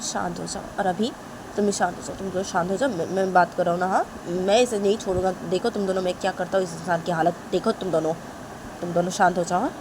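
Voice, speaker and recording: A woman's voice: fairly low pitch, steady tone, fast, noisy background, lightly acted. A woman voicing an angry protective father who threatens and demands answers. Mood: furious. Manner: threatening, demanding, repeats "हाँ?".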